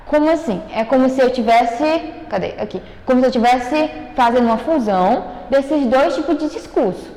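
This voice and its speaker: A Brazilian woman teaches schoolchildren a writing lesson in a recorded online class, patiently checking they follow with frequent "ok?" and "né?". Her high, warm voice is animated and at normal speed, with hardly any pauses. The room is echoey with a long reverb.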